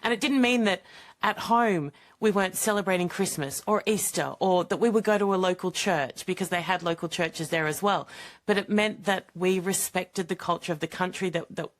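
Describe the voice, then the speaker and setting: A woman's voice: fairly low pitch, normal speed. A woman from Australia hosting an interview show, speaking earnestly and often restarting her words. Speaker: talk show host. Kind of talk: casual interview talk.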